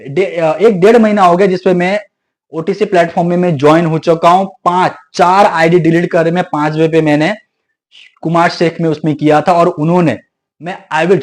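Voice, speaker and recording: Young guy ranting to camera, high voice, keeps repeating himself, mixes in english. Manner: indignant, repeats himself, code-switches into English. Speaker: video creator warning viewers. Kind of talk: casual direct-to-camera monologue.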